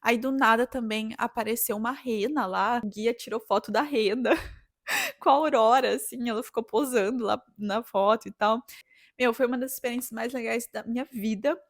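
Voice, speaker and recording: Excitable young woman vlogger, dry close sound. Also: fairly high pitch, normal speed, no echo. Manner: animated, breaks into excited outbursts and laughs. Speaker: travel vlogger. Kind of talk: excited casual storytelling.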